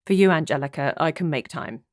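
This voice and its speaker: A woman's voice: deep voice, lively intonation, brisk, no room sound, studio quality. A woman voicing an easygoing, flirtatious male police detective in a cozy mystery audiobook.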